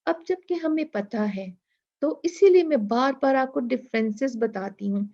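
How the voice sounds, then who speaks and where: A woman teaching Quranic pronunciation, repeating letter sounds and reciting verses slowly and carefully. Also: high voice, warm tone, dull audio. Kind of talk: Tajweed lesson in Urdu.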